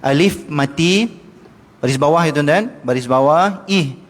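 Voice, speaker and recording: A middle-aged man, a religious teacher giving a mosque lecture on Quranic pronunciation, who slowly chants short verses to demonstrate and then explains them, addressing his listeners directly. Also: fairly high pitch. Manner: addresses the audience directly and often. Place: mosque hall. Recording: long mosque hall reverb.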